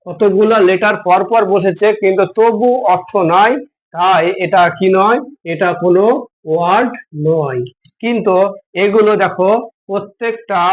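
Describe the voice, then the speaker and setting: A man's voice: high-pitched, muffled recording. A man teaching a grammar lesson, patiently spelling words out letter by letter and asking his students questions.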